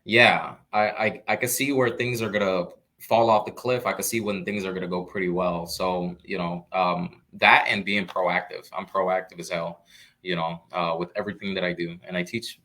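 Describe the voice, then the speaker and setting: A young man from Florida chats easily as an interview guest, his voice sitting a little low. He keeps things loose and conversational, often leaning on "you know" and starting sentences over. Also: moderate pace. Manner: relaxed, peppered with "you know" and restarts. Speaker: guest, real estate investor. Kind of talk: casual live Q&A chat.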